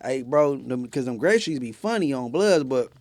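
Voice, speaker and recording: A man's voice: mid-range voice, animated, moderate pace, darkish tone, no echo. A male host giving laid-back commentary while chewing gum. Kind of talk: casual commentary.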